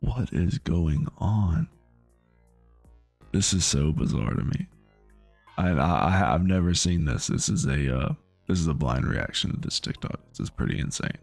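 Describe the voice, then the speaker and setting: A man's voice: a bass voice, lively intonation, gravelly, no echo, soft background music. A man hosting a reaction video, talking back at a clip in disbelief, often stopping and restarting his sentences. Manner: incredulous, halting with restarts. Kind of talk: reaction commentary.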